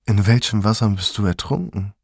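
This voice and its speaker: A man's voice: fairly low pitch, fairly even intonation, normal speed, husky, no echo, studio quality. A man voicing a pushy young man who coaxes a passer-by on the street in a raised, wheedling tone. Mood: coaxing.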